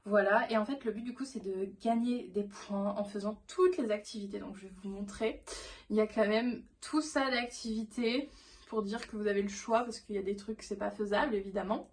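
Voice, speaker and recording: A young woman chatting casually to her viewers as a vlogger. Her pitch sits in a typical middle range. She rambles enthusiastically and often stops to restart a sentence. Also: moderate pace. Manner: rambling, with many fillers and restarts. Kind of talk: casual vlog chat.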